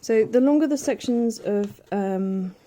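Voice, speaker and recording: A woman giving a casual hands-on sewing demonstration, chatty and thinking aloud as she pins fabric, with soft asides. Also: on the high side, a little slow, slight background noise. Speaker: quilting tutor.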